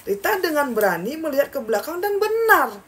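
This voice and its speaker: A young woman telling a horror story in a casual, chatty way, speaking straight to her listeners and jumping up in pitch at dramatic moments. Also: sing-song, a little fast, a bit bright. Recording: slightly distant mic with faint background noise.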